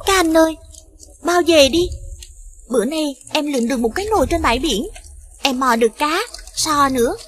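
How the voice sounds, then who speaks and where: A woman playing a sweet high young princess. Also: moderate pace, long pauses, close to an everyday voice. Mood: tender. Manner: polite, soft and eager. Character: brave, gentle young princess, polite to elders. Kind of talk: dubbed cartoon acting.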